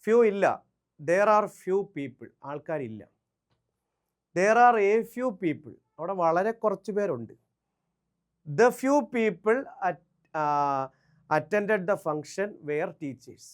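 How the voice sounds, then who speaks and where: A man from Kerala teaching a quick exam revision lesson, firing rhetorical questions, answering them himself and repeating key phrases for emphasis. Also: high voice, lively intonation.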